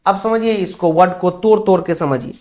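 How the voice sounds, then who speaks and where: A man's voice: high-pitched, moderate pace, darkish tone. A man from Bihar, teaching a Sanskrit class online and explaining the text word by word, repeating key points for his students. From Bihar, India.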